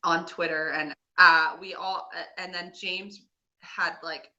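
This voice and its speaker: A woman's voice: fairly low pitch, level tone, slow, sharp tone, highs cut off. A woman with a Nova Scotian Canadian accent co-hosting a podcast, chatting casually in a rambling, gossipy recap. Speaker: podcast co-host.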